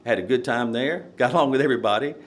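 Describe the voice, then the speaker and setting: A man's voice: mid-range voice, fast talker. An older man from Nashville, a guest on a podcast, talks casually and rambles through stories with many fillers and short chuckles. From Nashville, Tennessee. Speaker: podcast guest, court candidate. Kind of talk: casual interview, storytelling.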